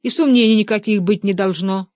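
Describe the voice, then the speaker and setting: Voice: medium pitch, a little fast, darkish tone, dry recording, clean studio sound, close to an everyday voice. A narrator voicing a stubborn, simple-minded young man who rambles in rustic, colloquial speech.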